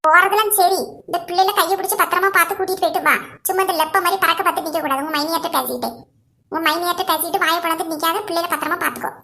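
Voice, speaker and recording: A woman voicing a sharp-tongued old grandmother who nags her daughter-in-law. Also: very high voice, fairly even intonation, racing, creaky, full character voice. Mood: scolding. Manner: scolding, needling.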